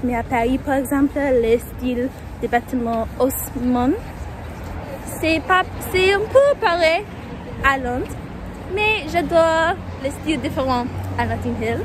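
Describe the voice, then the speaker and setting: High-voiced American woman vlogging slowly. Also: noisy background. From United States. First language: English. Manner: halting learner's French with frequent self-corrections. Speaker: travel vlogger. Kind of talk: casual travel vlog. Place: outdoors on city streets.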